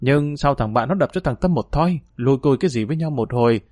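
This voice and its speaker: A man's voice: mid-range voice, lively intonation, fast talker, a little mellow, no echo, lightly acted. Young gambling lookout, chatty and rambling, man reading, dry sound. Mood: excited. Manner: rambling storyteller.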